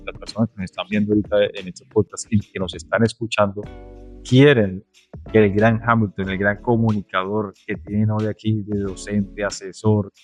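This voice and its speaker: A man with a Colombian Caribbean coast accent, hosting a podcast and playfully prompting his guest in casual chat. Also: on the low side. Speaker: podcast host.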